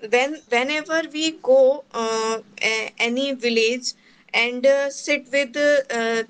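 A woman with a North Indian accent and Hindi as first language, haltingly presenting as an English learner in an online class. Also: sits high, steady tone, smooth. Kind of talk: halting speaking-practice presentation.

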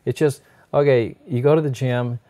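A middle-aged American man, a doctor who hosts a health program, gives conversational advice in a folksy, explanatory way from a sofa in a book-lined room. His voice is medium-pitched and dark, with a steady tone and normal pace.

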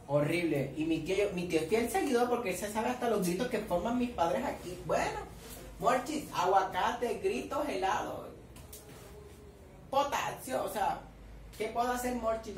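A young man with a Colombian accent giving casual reaction commentary at home, animated and gossipy, playfully addressing his viewers. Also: high voice. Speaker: reaction vlogger. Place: at home with family nearby. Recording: echoey room, distant mic, faint noise.

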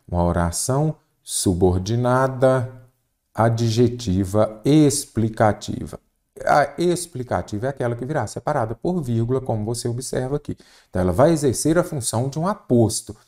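In an exam prep lesson, this Portuguese teacher speaks at normal speed in an expressive, mid-range voice with a dark tone. He goes through exam questions one step at a time, asking and answering them himself.

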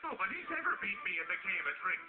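A man voicing a jolly drunken Irish father, the town drunk, in an animated comedy, with an Irish accent. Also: sits high, fast talker. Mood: hearty. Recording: tinny TV audio re-recorded, music behind.

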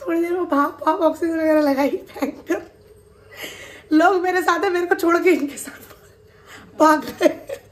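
A woman's voice: very high voice, a little slow, long pauses, slight background noise. A woman vlogger in a home kitchen, telling a family story casually and acting out what people said. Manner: animated, retells events with quoted dialogue.

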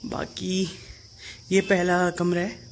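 Holding his phone at arm's length, a vlogger in his twenties gives an informal tour of home rooms, a courtyard, and a small shop, chatting conversationally to viewers. His voice is high, completely flat, and slow, with clear background noise in the handheld recording.

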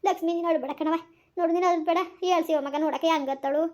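A woman acts out a distraught older village mother, lamenting and scolding in a high, quick voice. She wails over her troubles and snaps at those around her. It plays as a homemade village family drama. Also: steady tone, a little mellow. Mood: grieving. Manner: wailing, scolding, rapid rural speech.

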